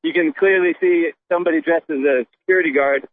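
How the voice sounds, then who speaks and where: A man calling into a radio show from his car while driving, talking in a halting but insistent way. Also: on the high side, a little hiss or hum. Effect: phone call from a car. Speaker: radio caller. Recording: tinny dry phone line.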